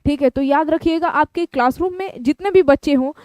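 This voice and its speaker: A woman's voice: sits high, fairly quick, darkish tone, no room sound. A woman teaching an exam-prep lecture, explaining each term and repeating it in plain words. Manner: explanatory, repeats terms in several languages.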